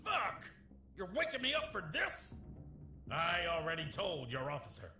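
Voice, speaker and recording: A man's voice: fairly high pitch, animated, a little fast, creaky, full character voice. A man playing an irate, foul-mouthed military hangar officer in a video game, barking irritably. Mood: irritated. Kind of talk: scripted video game dialogue. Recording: echoey room under loud music.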